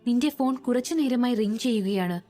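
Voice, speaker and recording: A woman's voice: on the high side, a little fast, warm tone, soft background music, lightly acted. A woman voicing a worried young man who keeps calling out to his friend, in a storybook reading. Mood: concerned.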